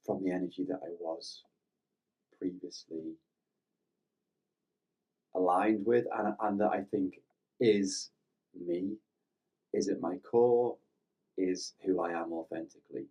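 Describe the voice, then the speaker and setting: A man with a gentle, reflective, soft-spoken manner, leading a guided meditation. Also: low voice, takes it slowly, long pauses, slightly rough, far from the mic. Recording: slightly dull lo-fi recording with faint music.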